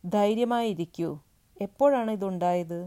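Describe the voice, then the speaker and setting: A woman's voice: medium pitch, unhurried, voice pushed up, close to an everyday voice. A woman voicing an anxious wife in her forties who pleads and then turns furious, in a read-aloud story. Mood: alarmed. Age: 40s. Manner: pleading, rising to shouts.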